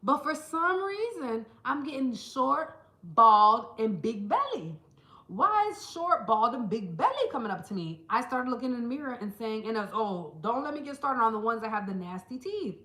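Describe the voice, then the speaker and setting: Bright-voiced woman chatting to camera. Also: on the high side, normal speed, echoey room, low-quality recording. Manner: chatty, animated storytelling with quoted voices. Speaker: vlogger. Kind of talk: casual chat to camera. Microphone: small handheld camera.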